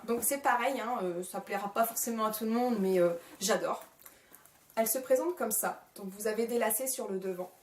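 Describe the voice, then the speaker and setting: A woman's voice: fairly high pitch, a little hiss or hum. Gushing woman in an echoey room. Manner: gushing, with frequent fillers and repeated praise. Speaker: vlogger. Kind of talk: casual shopping haul vlog. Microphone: camcorder mic.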